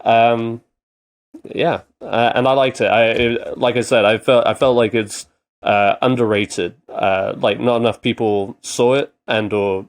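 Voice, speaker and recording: A man co-hosting a podcast in casual chat, talking in a rambling, halting way with many fillers. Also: mid-range voice, fairly even intonation. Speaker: podcast co-host.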